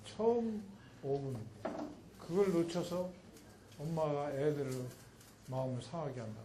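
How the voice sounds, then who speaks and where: Animated male lecturer, high voice. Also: measured pace, background noise. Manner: animated, acting out mother and child in quotes. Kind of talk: public lecture.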